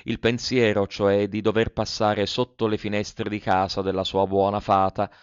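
A man's voice: fairly low pitch, normal speed, clear, resonant tone, no room sound. Man reading a storybook aloud. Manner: expressive storytelling, voices the characters. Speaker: narrator. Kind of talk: audiobook reading of a classic tale. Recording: dry, slightly dull recording.

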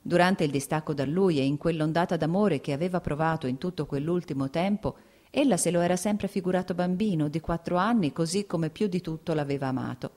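A woman narrates a novel in measured, expressive storytelling. Her voice sits low and sounds dark and mellow. It is a steady audiobook reading.

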